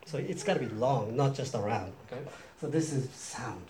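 A man's voice: medium pitch, lively intonation, measured pace, crowd noise. A man from Japan with a Japanese accent, preaching a sermon and restating each point himself in a second language, chatty and asking his audience questions. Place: church hall in Seattle.

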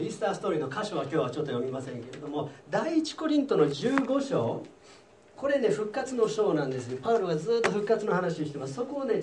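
A man's voice: fairly high pitch, a little mellow, slight background noise. A man preaching a conversational sermon as pastor, talking casually and putting questions straight to the congregation in a church hall. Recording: echoey room, voice from a distance.

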